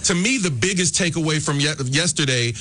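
A man co-hosting a radio sports show, asking a guest measured questions. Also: a little high, lively intonation, sharp tone, soft background music.

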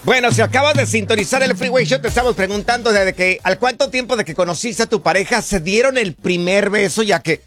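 A man's voice: sits high, brisk, few pauses, fairly bright tone. A man hosting a casual call-in radio show, playful and flirty with callers.

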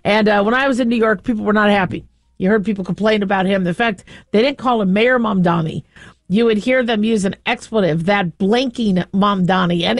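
A woman's voice: mid-range voice, dry recording, clean studio sound. A middle-aged woman from the American Southwest with an American accent, hosting a talk radio show in a casual, rambling, outspoken monologue. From southwestern United States.

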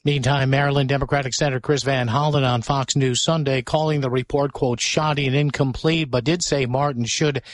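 A man anchoring a radio newscast in a brisk, formal manner. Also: medium pitch, fairly even intonation, no echo, clean studio sound. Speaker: news anchor.

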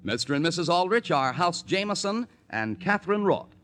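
A man's voice: sits high, big pitch swings, moderate pace, a bit bright. A man with an American accent doing polished, emphatic 1940s radio announcing and sales reads. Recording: old 1940s radio broadcast recording.

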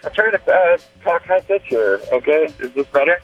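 A man's voice: a little high, lively intonation, normal speed, soft background music. A man in his twenties calling a radio show, chatting casually, his voice muffled by a bad cell phone microphone as if talking into a cup. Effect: muffled bad cell phone mic, like talking into a cup. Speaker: caller. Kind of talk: casual call-in chat.

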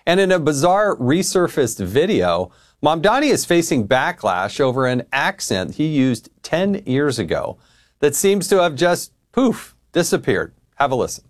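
A male news host with a fairly high voice that swings widely in pitch as he talks. His delivery is pointed and mocking, the style of cable news talk hosting. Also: very animated, unhurried.

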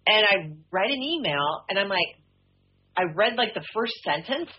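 A woman's voice: mid-range voice, sing-song, normal speed, slightly rough. A woman about sixty, a regular radio guest telling rambling stories in casual chat. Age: 60s. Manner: rambling storytelling with restarts and acted-out quotes. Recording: slightly dull radio sound.

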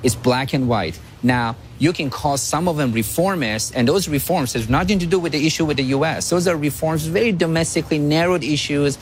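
A man's voice: on the high side, brisk, hardly any pauses, slight background noise. A man from Iran, speaking as a guest analyst in a radio interview, firm and analytical.

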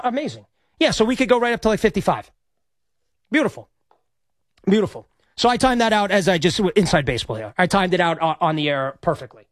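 Reacting to a game as it happens, a studio sports radio host rambles with excitement, stumbling over words and saying things twice. He's a man with a high, slightly hoarse voice, recorded without echo.

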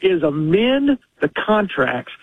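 Older man in his sixties, husky, fairly high voice, tinny phone line, dry sound. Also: very animated, slow, dry recording. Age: 60s. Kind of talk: casual talk radio call.

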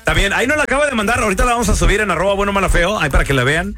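Man, radio host, bright lively high voice, playful slang, faint music underneath. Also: very fast. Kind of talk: lively studio banter.

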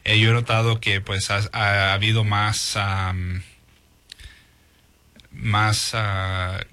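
A man's voice: fairly low pitch, level tone, slow pace, sharp tone. A man born in Mexico, a police sergeant answering interview questions in a hesitant way with many fillers.

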